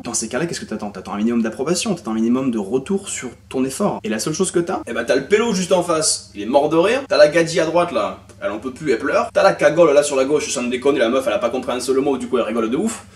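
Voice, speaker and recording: A young man from France talking casually to camera, animated and full of crude slang, as an au pair sharing language tips. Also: medium pitch, fast, few pauses. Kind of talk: casual vlog monologue. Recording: voice slightly distant from mic.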